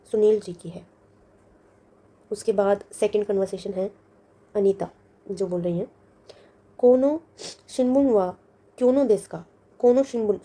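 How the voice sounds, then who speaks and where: A woman's voice: mid-range voice, dark tone. A woman teaching a language lesson, patiently explaining and repeating each word with its meaning. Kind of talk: lesson walkthrough.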